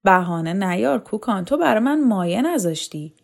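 A woman's voice: mid-range voice, animated, creaky. A woman voicing a blunt man who grumbles and complains to an old friend, in an audiobook novel. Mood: grumbling.

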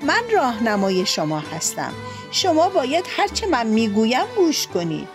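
A woman's voice: on the high side, huge pitch swings, over music, pitched above the performer's own voice. A woman playing a bossy scolding goose aunt. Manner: commanding, scolding. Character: bossy self-important female goose guide.

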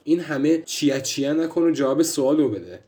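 An actor playing a stern, exasperated district judge who interrogates and scolds the accused in a radio drama. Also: male voice, on the high side, expressive, mellow, husky.

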